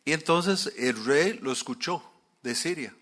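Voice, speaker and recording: A man preaching a sermon, retelling a story in a lively way and asking the listeners questions. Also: on the high side, a little slow.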